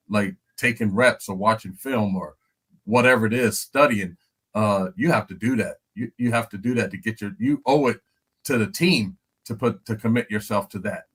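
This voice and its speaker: A man's voice: lowish voice, a bit bright, slightly rough. An older man, a former lineman, talking casually and with animation, repeating himself and asking "you know what I'm saying". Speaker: guest analyst, former NFL lineman. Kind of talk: casual podcast commentary.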